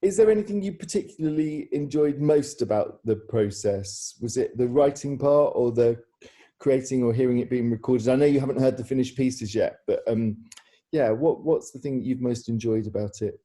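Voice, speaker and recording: A theatre director hosts an informal Q&A over a video call, his questions coming out hesitantly. His voice is medium-pitched and mellow at a normal speed, captured by a video call microphone.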